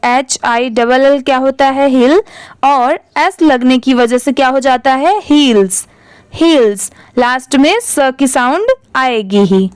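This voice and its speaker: High-voiced, slow-spoken woman teacher. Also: clean tone, no echo. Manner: spells words letter by letter, then blends them; patient, repeats each word several times. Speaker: English reading teacher. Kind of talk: slow spelling-out lesson.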